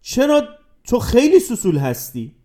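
A man's voice: sits high, animated, a little mellow. A man reading a story aloud and voicing a scornful young woman who teases her date. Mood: mocking. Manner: mocking, needling.

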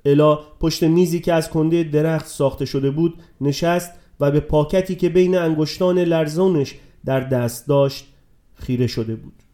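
A man narrating a story aloud in a calm, measured way. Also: fairly high pitch. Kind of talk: audiobook narration.

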